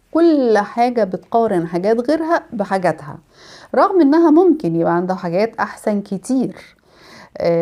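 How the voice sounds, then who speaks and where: A woman with an Egyptian accent giving a life-advice talk, explaining in an animated way. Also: on the high side. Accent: Egyptian Arabic. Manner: explanatory, animated, acts out examples.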